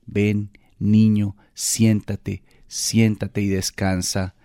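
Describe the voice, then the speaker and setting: A man reading as a gentle giving tree. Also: lowish voice, level tone, extremely slow, no room sound, studio quality. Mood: tender. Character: gentle generous male tree, ageing.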